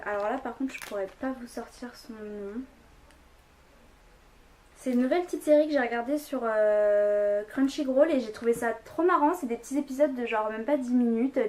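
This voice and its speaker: A young woman chats her way through a shopping haul at home, rambling and full of fillers. Her voice sits a little high. A faint hiss runs under the recording. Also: mellow. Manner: chatty, rambling, many fillers. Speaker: vlogger. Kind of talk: casual haul vlog.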